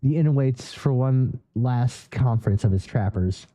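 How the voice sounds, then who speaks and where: A man's voice: mid-range voice, measured pace, dark tone, no room sound, low-quality recording. A man narrating a solo role-play journal in first person, reading aloud with small stumbles and self-corrections.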